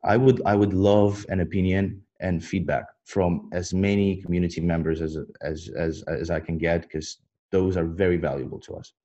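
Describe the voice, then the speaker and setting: A man talking like a tech bro as he pitches his startup in a podcast interview, halting and repeating words, on dull lo-fi audio. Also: steady tone, warm tone. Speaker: startup founder, interview guest.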